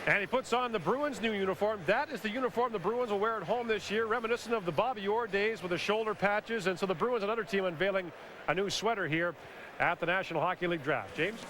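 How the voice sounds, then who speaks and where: A man hosting a live televised draft broadcast, brisk and informative with light jokes, heard from a worn VHS tape copy. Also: sits high, fairly bright tone. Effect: hissy worn VHS tape copy. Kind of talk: live sports broadcast commentary. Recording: hissy old videotape broadcast.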